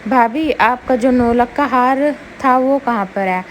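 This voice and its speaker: A woman's voice: on the high side, measured pace, a little hiss or hum, close to an everyday voice. Woman playing a greedy, pushy young sister-in-law. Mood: wheedling. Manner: wheedling, showy.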